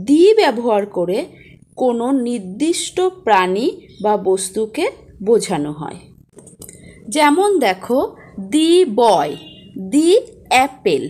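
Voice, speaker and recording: A young woman walks through a grammar lesson at an unhurried pace. Her voice sits a little high and moves up and down a lot as she points out examples. She spells out letters and words patiently, like a teacher at a board. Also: a little mellow.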